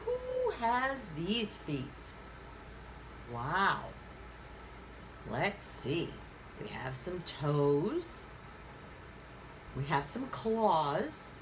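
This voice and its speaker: During story time for young kids, a woman reads a picture book in a very animated, sing-song way, speaking unhurriedly in a fairly low voice. She asks the listeners questions and pauses as if they're answering. Background noise is clearly audible.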